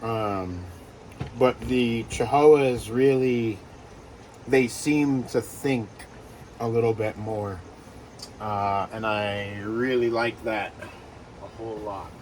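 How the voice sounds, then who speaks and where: A man who breeds reptiles talks casually in a vlog while handling geckos, with lots of fillers and soft reassurances to the animals. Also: lowish voice, takes it slowly, pauses often, a little hiss or hum. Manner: rambling, filler-heavy, coos softly to the geckos.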